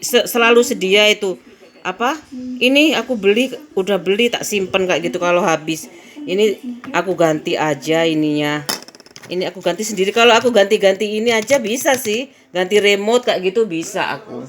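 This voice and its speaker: A woman's voice: mid-range voice, moderate pace. A woman, chatting casually in a daily home vlog and telling stories. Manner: chatty storytelling, frequent "kayak gitu" and laughter. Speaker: vlogger.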